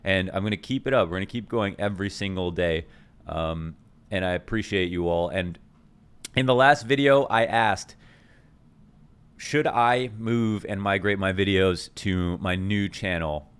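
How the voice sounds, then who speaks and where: A man's voice: low voice, a little slow, smooth. Enthusiastic man chatting to his viewers. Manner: enthusiastic, rambling, self-correcting. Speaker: esports coach and YouTuber. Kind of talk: casual talk to camera.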